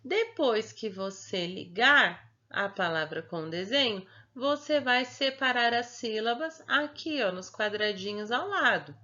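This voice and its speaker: A young woman teacher with a Brazilian Portuguese accent, slowly walking small children through their homework in a patient, sing-song way and often checking in with them. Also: a little high, expressive, bright, forceful tone. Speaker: primary school teacher. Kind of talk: remote lesson explaining homework to young children. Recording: dull lo-fi home recording.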